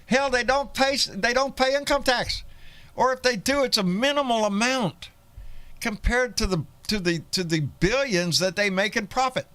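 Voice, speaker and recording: A man's voice: extremely high pitch, moderate pace, bright, forceful tone, clean tone, no echo. A man with a Texan country twang hosting a live political chat show, folksy and profane, often restarting his sentences. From Texas. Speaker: host.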